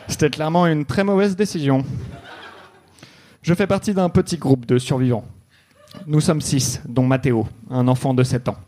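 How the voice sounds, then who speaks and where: A man telling a deadpan, mock-noir detective story live on a comedy club stage. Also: a little high, slight background noise. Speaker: comedy podcast host.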